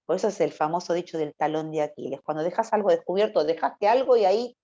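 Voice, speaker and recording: A woman's voice: on the low side, quick pace, dark tone. A woman with a River Plate Spanish accent preaching a conversational sermon to young people in a church, often stopping to ask "¿no?". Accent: Rioplatense Spanish. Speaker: youth preacher. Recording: dull lo-fi recording.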